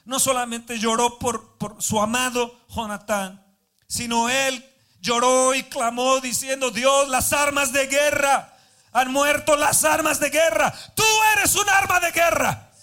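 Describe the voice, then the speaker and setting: Male preacher, very high bright voice, fervent shouted sermon, live church hall, faint music behind. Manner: rises from calm Bible reading to shouted fervent declarations. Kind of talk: sermon with prayer.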